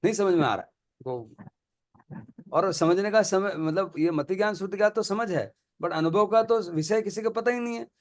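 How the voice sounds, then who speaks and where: A man's voice: high voice, moderate pace. A man talking through spiritual teachings in a casual discussion, earnest and colloquial, repeating phrases for emphasis. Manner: laughs between points.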